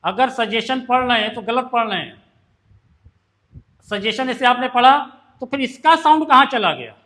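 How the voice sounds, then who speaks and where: High-voiced shorthand teacher. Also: male voice, moderate pace, sharp tone. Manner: explains step by step, asks students questions. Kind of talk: classroom lesson.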